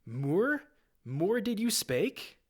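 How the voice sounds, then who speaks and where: A man voicing a clumsy, goofy male amphibian alien who talks in drawn-out broken pidgin, in an amateur screenplay reading. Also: sits high, sing-song, pitched above the performer's own voice, exaggerated voice. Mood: goofy pleading.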